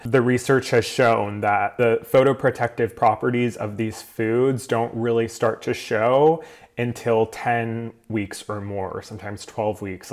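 Chatty male skincare vlogger. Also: medium pitch. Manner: relaxed and chatty, many fillers; talks while eating. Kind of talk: casual explainer vlog.

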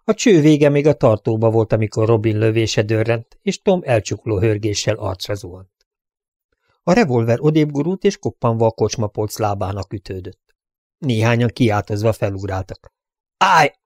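A man reading an audiobook with an even, storytelling delivery. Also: lowish voice, no room sound, studio quality. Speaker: audiobook narrator. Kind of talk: scripted audiobook narration.

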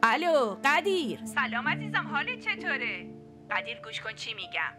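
A woman's voice: high-pitched, very animated, music in the background. A woman dubbing a rambling, fussing older wife in a drama series. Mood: eager. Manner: rambling, fussy. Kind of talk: Persian dub of a drama series.

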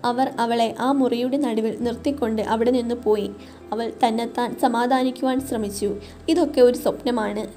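A woman reading a literary short story aloud in steady, measured narration. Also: fairly high pitch. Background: soft background music.

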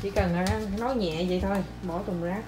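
A woman's voice: lowish voice, a little fast, over music. A young woman and mother chatting casually to viewers in a home family vlog. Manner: chatty, addresses viewers as aunts and uncles. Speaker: vlogger and mother.

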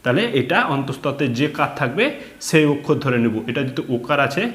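A male teacher giving a slow reading lesson, sounding out letters one by one and repeating them patiently. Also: mid-range voice, a bit bright. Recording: echoey room.

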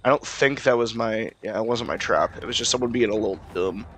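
A man's voice: on the low side, a little fast, fairly bright tone, a little hiss or hum. A young man casually commenting on his own gameplay, swearing and talking to himself as he plays. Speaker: gaming YouTuber.

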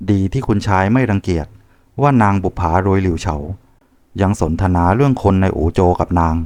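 Male audiobook narrator, deep and steady, measured scripted reading of a novel.

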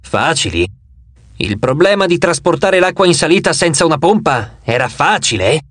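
A man voicing a grumpy, cold old male inventor in an audiobook, speaking gruffly and curtly. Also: on the high side, big pitch swings, normal speed, a bit bright, no echo. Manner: gruff, curt.

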